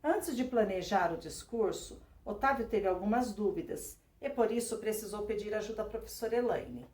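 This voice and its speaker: A woman's voice: mid-range voice, lively intonation, normal speed, a little mellow. Woman teacher, roomy and distant. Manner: explains patiently, often checking in with tag questions. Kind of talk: remote class lesson reading from a textbook. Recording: roomy sound, voice away from the mic.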